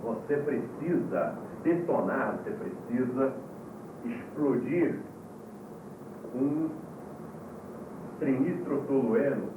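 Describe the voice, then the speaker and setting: A man's voice: slow pace, long pauses. Man lecturing on an old VHS tape. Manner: explains calmly, pitch jumps up for emphasis. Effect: old VHS tape recording. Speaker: yoga teacher. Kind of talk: lecture to students. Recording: tinny, roomy, distant, hissy old VHS tape.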